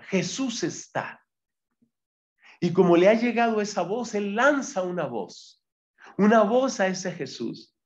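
Slow, lively-pitched man teaching scripture. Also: dull audio. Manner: deliberate, repeats key phrases, reads Greek terms aloud. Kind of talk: Bible exegesis lesson.

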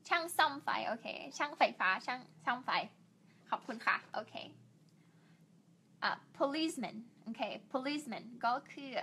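Bright-voiced woman teaching English slowly. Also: high voice, breathy edge. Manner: slow, drawn-out English words with repeated Thai polite particles; chatty and self-deprecating, asks viewers for help. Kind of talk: bilingual online English lesson.

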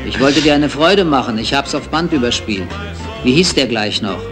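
An actor playing a familiar, eager and admiring colleague in a film drama, speaking with enthusiasm. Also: male voice, medium pitch, animated, normal speed, over music, close to an everyday voice. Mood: chatty, eager. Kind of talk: naturalistic film acting.

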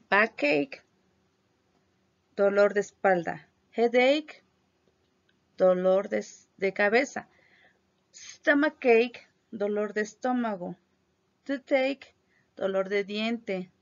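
A woman teaching children English vocabulary in a review class, saying each English word slowly and carefully and then giving its meaning. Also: mid-range voice, gravelly. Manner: slow, careful pronunciation of English words with Spanish glosses. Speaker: primary school English teacher. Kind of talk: online class review, bilingual vocabulary drill. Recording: dull lo-fi recording.

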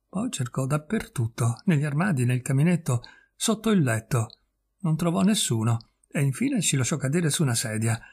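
A man reading a literary short story aloud in a measured, expressive storytelling manner. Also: fairly high pitch, husky. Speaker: audiobook reader.

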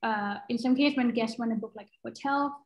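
A young Thai product designer, appearing as a guest over a laptop-mic video call, answers questions casually while thinking aloud with fillers and restarts. She talks a little fast in a slightly high voice, and the audio quality is poor.

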